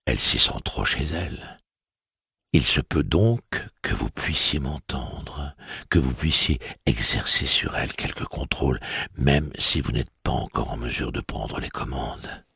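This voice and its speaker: A man voicing a weary, stern gunslinger in an audiobook, speaking slowly in a velvety, measured way with a creaky, husky voice. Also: pushed and bright, dry recording, clean studio sound, full character voice. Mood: cold resolve. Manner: slow, low, velvety and measured. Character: weary, stern male gunslinger, calm and cold.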